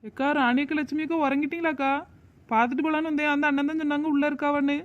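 A woman's voice: sits high, steady tone, very fast, lo-fi sound, natural voice. A woman voicing a cheerful young neighbour in a cartoon, chatty and reassuring. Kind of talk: cartoon voice acting.

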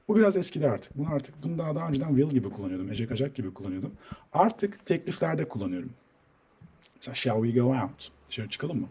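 A man explaining English grammar in a patient teaching voice, reading example sentences slowly and carefully. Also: medium pitch, mellow, breathy edge. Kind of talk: screen-recorded English lesson in Turkish.

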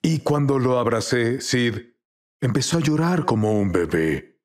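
A man's voice: mid-range voice, sing-song, measured pace. A man as the guest minister in a dubbed interview, telling testimonies earnestly and acting out quoted dialogue.

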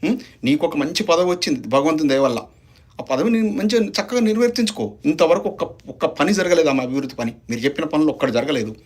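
A man's voice: a little high, fast, slightly rough. A man giving a heated political statement, firing off accusations and rhetorical questions. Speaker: opposition party leader.

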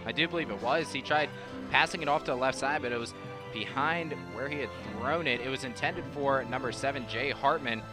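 A man's voice: mid-range voice, fairly quick, music in the background. A young American man giving live football analysis as a color commentator.

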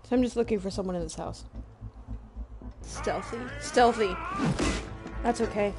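A woman streaming a game chats to herself at a moderate pace and medium pitch. Her casual commentary is self-deprecating, with the odd fumble for words, and game music and sounds run behind her voice.

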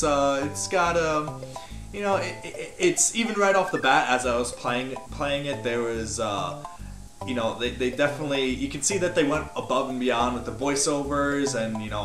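A young man giving a casual game review as a YouTuber, with hesitant, repetitive phrasing, recorded in a living room. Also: medium pitch. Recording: roomy home recording, music behind.

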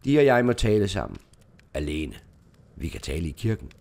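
A man voicing a big, broad-shouldered middle-aged dealer with a deep voice and a blunt, firm way of speaking in a storybook reading. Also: very animated, gravelly, a little mellow, exaggerated voice. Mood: gruff firm.

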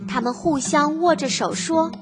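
High singsong woman, as if reading to a toddler. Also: music in the background. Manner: slow, repeats words for listeners to follow. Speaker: children's literacy teacher and narrator. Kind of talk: scripted lesson narration for small children.

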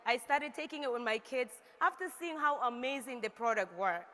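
A woman from South Sudan reading an emotional, grateful success speech on a large stage, sometimes rising to shouts. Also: on the high side, normal speed. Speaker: stage speaker at a company event. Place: large stage with reverberant hall. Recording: long hall reverb from stage.

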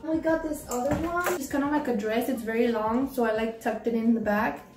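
A teenage girl vlogger with slightly Mexican-tinged English chats casually and a bit tiredly in her small bedroom about the clothes she is trying on, in a rambling, easygoing try-on vlog. Her voice is on the high side and brisk. Recorded by a camera across the room, the audio is roomy and off-mic, with soft music behind.

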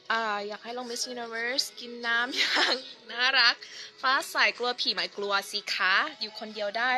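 A young woman with a strikingly bright, slightly high voice hosts a casual live stream. She reads her viewers' comments aloud and chats back to them in an easygoing, talkative way. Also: slight background noise.

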